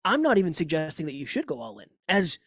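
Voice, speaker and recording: A man's voice: a little high, vocal fry, no echo, clean studio sound. Emphatic man with a Boston accent. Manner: emphatic, animated, quick asides. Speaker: podcast coach, guest. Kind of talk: casual conversation.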